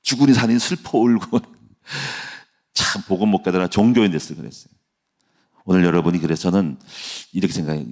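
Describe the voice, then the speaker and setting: A man's voice: deep voice, moderate pace, darkish tone. A middle-aged male pastor giving a chatty, folksy sermon that builds into a fervent prayer. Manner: folksy, chatty preaching with laughs and asides.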